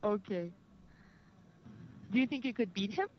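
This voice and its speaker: A woman's voice: mid-range voice, lively intonation, unhurried. A woman journalist putting questions to athletes on a press conference call. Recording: dull phone line, faint noise.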